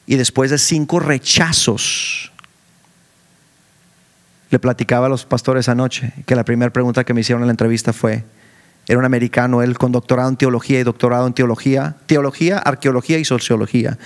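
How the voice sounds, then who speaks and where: A middle-aged man, preaching a sermon as a story and acting out the dialogue with sudden jumps in pitch. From Mexico. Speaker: preacher and school director.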